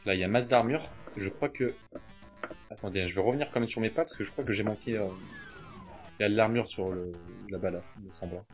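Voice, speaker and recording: A man's voice: fairly low pitch, fast, soft background music. A young adult man giving casual, hesitant gameplay commentary, full of fillers and offhand swearing, on a desk mic with mouse clicks. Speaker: let's play gamer. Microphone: desk mic near mouse and keyboard.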